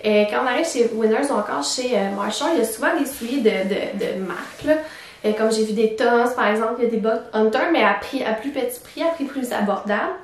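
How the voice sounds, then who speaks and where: A woman's voice: fairly high pitch, brisk. A woman with a Québécois French accent, a teacher chatting casually about clothes she bought, with many fillers. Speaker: teacher vlogger. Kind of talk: casual fashion haul chat. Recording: very echoey room, far from the mic.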